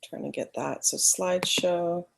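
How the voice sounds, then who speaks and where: Her voice is fairly low, creaky, and loud, and she speaks unhurriedly against a noisy background. She's teaching photography in an informal live webinar, chatting through screen-sharing trouble on a computer mic.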